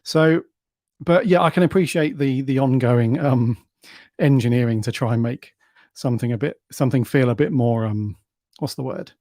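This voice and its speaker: A man's voice: mid-range voice, normal speed, dark tone, no room sound, clean studio sound. A man co-hosting a podcast, talking in an easygoing, enthusiastic way. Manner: easygoing, enthusiastic fan talk. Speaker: podcast co-host. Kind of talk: casual chat.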